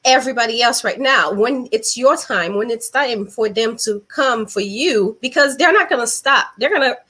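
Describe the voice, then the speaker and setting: A woman's voice: a little high, moderate pace, a bit bright, husky. A young woman hosting a casual video-call interview, speaking thoughtfully and building her points step by step. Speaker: host.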